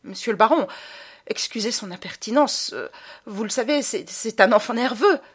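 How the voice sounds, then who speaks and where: A woman's voice: on the high side, lively intonation, moderate pace, husky, pitched above the performer's own voice. A woman voicing an embarrassed mother who speaks in a strangled, stammering voice in an audiobook. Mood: flustered. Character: flustered, embarrassed hotel-guest mother. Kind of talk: audiobook character reading.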